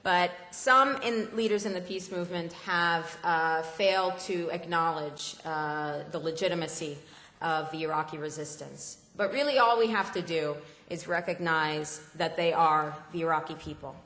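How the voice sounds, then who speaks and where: A woman giving an impassioned public speech at an assembly, often pausing with fillers. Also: low-pitched, fairly bright tone. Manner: impassioned, halting with many fillers. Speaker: speaker at a political assembly. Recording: echoey hall, roomy long reverb.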